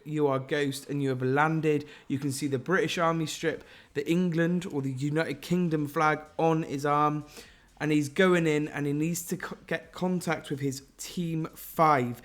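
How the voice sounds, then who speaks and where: An enthusiastic man talks through game leaks in a voice pitched a little above most men's. He speculates freely and speaks straight to his viewers. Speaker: gaming YouTuber.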